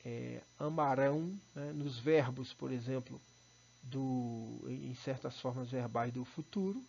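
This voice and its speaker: Brazilian male teacher, slightly high gravelly voice, patient explainer, dull recording. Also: darkish tone. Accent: Brazilian Portuguese. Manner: explanatory, checks in with students. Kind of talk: recorded online lesson.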